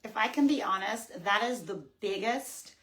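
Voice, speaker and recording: A woman fitness coach co-hosting a casual coaching webinar, emphatic and energetic, often checking in with listeners. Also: medium pitch, moderate pace.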